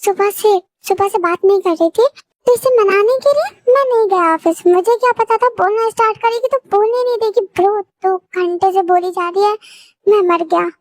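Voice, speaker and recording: A woman's voice: very high voice, normal speed, dry recording, low-quality recording. A woman voicing a cocky young boyfriend who teases and defends himself in a fan audio drama, recorded dry and close. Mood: teasing. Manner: teasing, defensive, joking.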